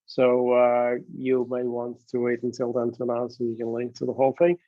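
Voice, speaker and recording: A man's voice: mid-range voice, monotone, brisk, dry recording, muffled recording. A man running a moot court and keeping time, talking casually and rambling with many restarts on a video call. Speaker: moot court organizer and timekeeper.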